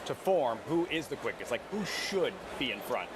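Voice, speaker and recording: A man's voice: mid-range voice, sing-song, moderate pace. A man hosting a live horse racing broadcast, talking from outdoors beside the track at a racetrack. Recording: loud outdoor trackside noise.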